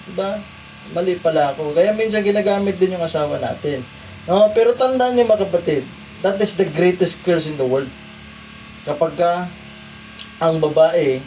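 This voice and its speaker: A man from the Philippines preaching a sermon, asking the congregation rhetorical questions and swinging between loud emphasis and quiet asides. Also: a little high, recorded from a distance, a little hiss or hum, poor audio. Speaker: pastor. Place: church hall.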